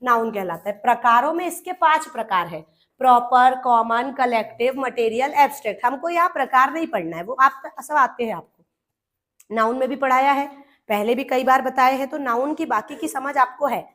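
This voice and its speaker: A woman's voice: high voice, lively intonation, moderate pace, fairly bright tone. A young Indian woman teaching an exam-prep grammar lesson, who explains step by step, calls her students "beta" and asks and answers her own questions.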